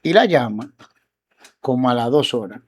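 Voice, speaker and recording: Animated man telling a story. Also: medium pitch, normal speed, slight background noise. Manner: animated, acts out quoted dialogue. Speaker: guest lawyer. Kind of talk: casual storytelling in a talk show.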